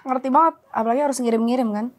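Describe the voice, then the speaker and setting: A young woman, her voice sitting a little high. She chats casually, telling stories and acting out what people said. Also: rapid-fire. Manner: animated storyteller, acts out quotes. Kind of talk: casual chat.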